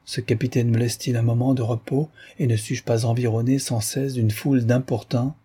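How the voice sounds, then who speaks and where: A man reading the part of a pushy young gentleman pleading his love in a flowery, ardent way. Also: mid-range voice, flat delivery, a little fast, slightly rough.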